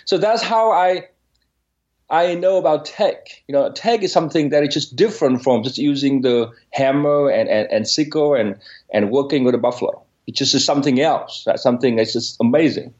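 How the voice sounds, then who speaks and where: A man in his forties with a Vietnamese accent tells his story in an interview. His pitch sits in the middle of the male range, and he talks earnestly, restarting and repeating words as he searches for them. The recording is slightly dull and lo-fi. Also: normal speed, darkish tone. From northern Vietnam. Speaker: interview guest.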